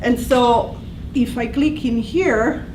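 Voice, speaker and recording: Speaking slowly in a fairly high, slightly mellow voice, an Italian-accented language teacher talks her colleagues through a presentation in a patient, conversational way, frequently starting sentences over. The sound comes from a faraway room mic, echoey and noisy.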